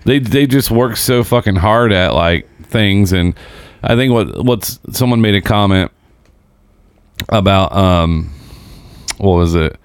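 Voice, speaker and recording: A man in his forties hosting a casual podcast chat, blunt and profane, quick to make fun of himself. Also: fairly low pitch, smooth, dry recording, studio quality. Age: 40s. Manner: blunt, profane, self-mocking.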